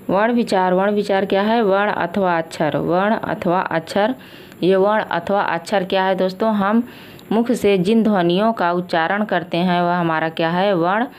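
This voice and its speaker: A woman's voice: lowish voice, a little mellow. A woman with an Indian accent giving an exam-prep lesson, asking questions and answering them herself, repeating each point. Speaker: Sanskrit teacher.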